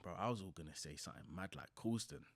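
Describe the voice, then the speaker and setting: A man's voice: low voice, expressive, fast talker, dry recording. A man with a South London accent telling stories in slangy casual chat, repeating phrases for emphasis. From Croydon, South London. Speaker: podcast host. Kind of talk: casual chat, animated anecdotes.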